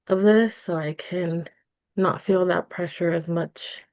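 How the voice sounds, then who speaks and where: A woman's voice: on the low side, steady tone, slow pace, darkish tone, dry recording. A woman talking informally and a bit hesitantly as the client in a therapy role-play, with lots of filler words, on a slightly muffled recording. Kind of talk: casual, unscripted conversation.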